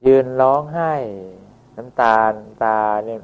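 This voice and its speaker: A man preaching a sermon, retelling a teaching story with many fillers and pauses. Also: mid-range voice, clear, resonant tone. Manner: explains with many fillers, stretches words. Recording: dull lo-fi recording.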